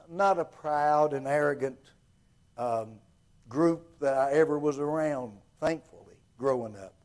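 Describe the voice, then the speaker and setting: A man with an Appalachian accent preaching in a folksy storytelling style, halting and circling back to repeat his phrases. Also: medium pitch, a little mellow. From Appalachia, southwest Virginia.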